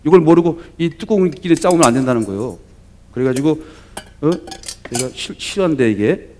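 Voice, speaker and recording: Animated, chatty male pastor preaching. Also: a little high, fairly quick, slight background noise. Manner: animated conversational storytelling, tag questions. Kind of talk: sermon.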